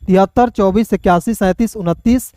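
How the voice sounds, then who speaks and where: A man teaching an online lesson as an English teacher, spelling out words slowly sound by sound and often checking that students follow. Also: high voice, mellow, no room sound, studio quality. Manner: slow syllable-by-syllable pronunciation drills, keeps asking "clear?".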